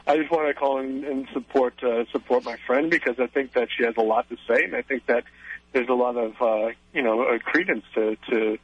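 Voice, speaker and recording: A man phones in to a radio show, chatting casually on air and hesitating with plenty of fillers. His medium-pitched voice is a little fast with a breathy edge, and the telephone line sounds dull and dry with no echo.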